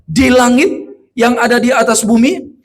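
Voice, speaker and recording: A male pastor preaching a sermon to a congregation, asking them questions, and moving between loud emphatic lines and quiet, low storytelling. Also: unhurried. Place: church.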